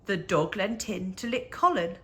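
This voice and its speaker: For an audience of young children, a woman with a mid-range voice reads a rhyming picture book. She keeps the storytelling measured yet expressive, adding dramatic stress.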